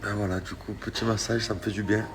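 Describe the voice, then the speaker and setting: A sore, tired man chatting casually in a slangy, animated vlog, telling stories with many restarts. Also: on the low side, quick pace, over music. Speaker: vlogger. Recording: echoey room.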